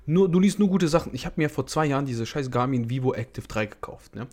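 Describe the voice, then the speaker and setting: A man's voice: mid-range voice, animated, fast talker, a little mellow. A young man on a casual podcast who talks bluntly and jokes around. He often turns to speak straight to the listeners. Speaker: podcast co-host.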